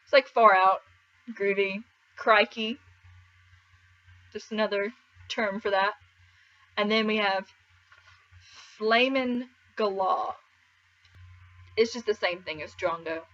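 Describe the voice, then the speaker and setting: A young woman with an American Southern accent, chatting to camera in a giggly, animated way. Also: medium pitch, slow, pauses often. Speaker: vlogger. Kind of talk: casual chat to camera. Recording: slightly dull lo-fi sound.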